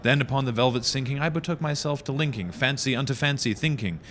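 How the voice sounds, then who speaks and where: A man's voice: mid-range voice, fast, fairly bright tone. A man giving a dramatic poetry reading with the hammy, declamatory delivery of a stage actor.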